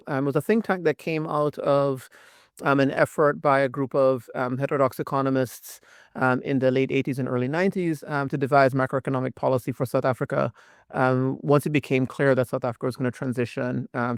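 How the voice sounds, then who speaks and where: A man who grew up in Jamaica, a professor speaking as an interview guest in a thoughtful way, with frequent pauses. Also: medium pitch, clear, resonant tone, no room sound, studio quality. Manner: thoughtful, many "um" fillers. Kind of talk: academic interview.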